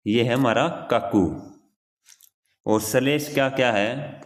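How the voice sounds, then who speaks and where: Young man, exam coach, casual grammar lesson, repeats key phrases, medium pitch. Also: takes it slowly. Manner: repeats key phrases, addresses listener as bhai. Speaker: exam prep teacher.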